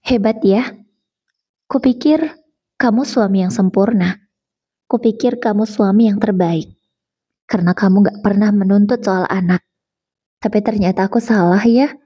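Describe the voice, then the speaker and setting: A woman's voice: medium pitch, normal speed, long pauses, slightly rough, no room sound, muffled recording, close to an everyday voice. A woman voicing a heartbroken young wife whose voice trembles near tears. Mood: hurt.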